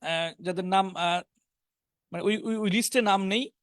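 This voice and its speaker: A man with a Bengali accent teaches an online spoken English class, slowly reading out English words and example sentences and giving each meaning. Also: high-pitched, fairly bright tone, no room sound, studio quality. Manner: reads word lists slowly, pairing each English word with its meaning.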